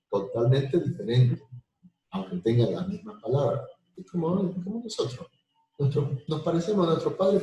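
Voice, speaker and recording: Slow-speaking male math teacher, echoey room. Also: medium pitch, mellow. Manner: slow, repetitive explanations with everyday examples. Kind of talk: live online lecture.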